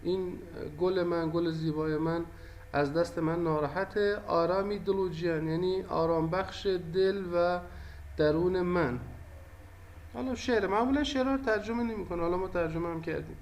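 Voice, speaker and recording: A man's voice: high-pitched, a little hiss or hum. A man teaching a language lesson, patiently repeating and explaining each phrase.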